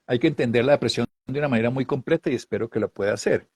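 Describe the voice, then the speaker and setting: A man's voice: medium pitch, rapid-fire, breathy edge. Man explaining emotions in a lesson. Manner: acts out little voiced examples, sometimes laughing. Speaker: wellness speaker.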